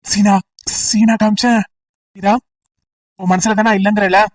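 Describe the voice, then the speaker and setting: A woman's voice: medium pitch, level tone, normal speed, distant mic, lightly acted, rough recording. A woman voicing a teasing, persistent young male college student in an amateur audio drama, talking in a playful, coaxing way.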